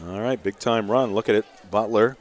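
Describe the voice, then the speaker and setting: A man calling live high school football play-by-play in short running phrases. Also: steady tone, a little fast. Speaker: play-by-play announcer.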